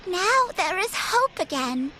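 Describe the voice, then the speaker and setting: Tiny high bright pixie. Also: female voice, very animated, slow pace, a little hiss or hum, exaggerated voice, rough recording. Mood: joyful, grateful. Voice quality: small, childlike, bright pixie voice. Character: tiny joyful female pixie, grateful little fairy. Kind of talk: scripted fantasy game character dialogue.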